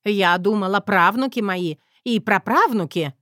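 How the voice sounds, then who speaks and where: A woman's voice: mid-range voice, measured pace, no room sound, studio quality, natural voice. Scolding fiery grandma, as a woman reads her. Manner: loud scolding, folksy. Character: fiery little grandmother, scolding mother-in-law.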